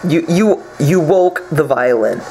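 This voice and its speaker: Man, casual gameplay banter, sarcastic jokes, animated pitch, soft game music behind. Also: measured pace, rough recording. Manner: joking, sarcastic, rambling. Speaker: gameplay commentator.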